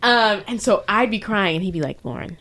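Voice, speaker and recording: A woman's voice: medium pitch, fairly quick, fairly bright tone. A woman telling a personal story on a chat podcast, earnest and reflective, with lots of "like" and "um". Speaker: podcast guest. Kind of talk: casual chat.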